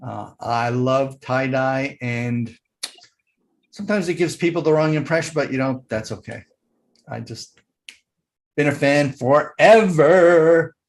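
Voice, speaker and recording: A man hosting a business networking meeting over a video call, relaxed and joking. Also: medium pitch, takes it slowly.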